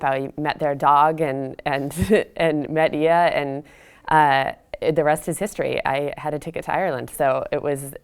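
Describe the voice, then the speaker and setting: Low-voiced earnest woman recalling a race. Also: smooth. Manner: earnest and reflective. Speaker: interviewee, runner. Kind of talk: casual recollection in an interview.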